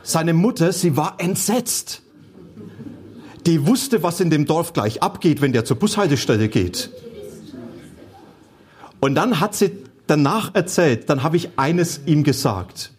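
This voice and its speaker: A man's voice: fairly high pitch, big pitch swings, unhurried, long pauses. A middle-aged man, preaching a sermon as a pastor and telling stories earnestly. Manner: earnest storytelling, quotes people in changed voices.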